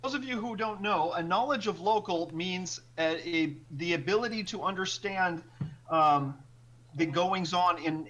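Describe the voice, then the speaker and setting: A man runs a tabletop role-playing game as game master. His voice is high and bright, and he narrates and explains haltingly. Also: rough recording.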